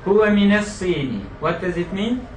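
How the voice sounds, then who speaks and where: Man, teacher, high voice, quizzing a class, echoey classroom, distant mic. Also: expressive, fast, darkish tone, a little hiss or hum. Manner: repeats answers and quizzes students. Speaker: Arabic grammar teacher. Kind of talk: classroom lecture with student drills. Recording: echoey room picked up from afar.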